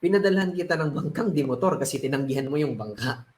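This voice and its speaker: A man voicing a calm, patient God who scolds gently in a measured way. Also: fairly high pitch, slight background noise, pitched below the performer's own voice, close to an everyday voice. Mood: gently scolding. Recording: roomy echo.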